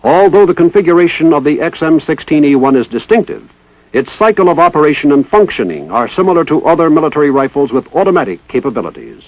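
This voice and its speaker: An American man with a fairly high, sing-song voice reads formal, methodical instructional narration at a quick pace, like a 1960s military training film. His enunciation is precise and deliberate. The dry recording has the dull lo-fi quality of a 1960s film soundtrack.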